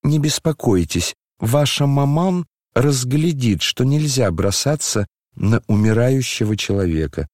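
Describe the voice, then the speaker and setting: A man reading an audiobook voices a frail dying young man, hoarse, quiet and tired, almost whispering. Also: medium pitch, animated, a little slow, no echo, clean studio sound, pitched above the performer's own voice. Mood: quiet, weary.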